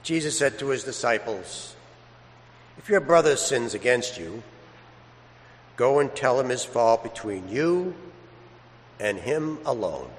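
A man's voice: medium pitch, sing-song, slow pace, pauses often. A man, a priest, reading the Gospel and preaching a homily in a conversational way with everyday examples, his voice ringing with cathedral echo in a large church. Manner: conversational, uses everyday examples and acted-out asides. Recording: echoey church with long hall reverb.

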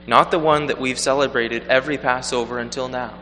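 A man speaking as a clergyman at Mass in a measured, deliberate way, his voice echoing through a large church. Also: mid-range voice, steady tone, pushed and bright. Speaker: clergyman preparing for priesthood, preaching at Mass. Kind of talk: liturgical reading and reflective sermon. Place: large reverberant church interior. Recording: cathedral-like echo, long hall reverb, background noise.

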